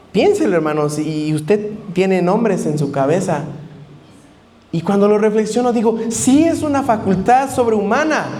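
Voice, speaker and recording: A man's voice: high voice, a little mellow. A man preaching a sermon to a congregation, teaching word meanings and putting questions to his listeners. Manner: teaching, asks the congregation questions and spells out Greek terms.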